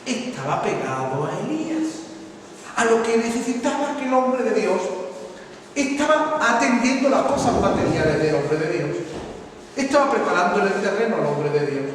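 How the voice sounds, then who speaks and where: Brief: emphatic male preacher, recorded from a distance in a reverberant hall with faint noise. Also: sits high. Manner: emphatic, repetitive preaching, addresses congregation as brother. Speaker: pastor. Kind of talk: sermon. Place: church hall. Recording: echoey church hall from far off.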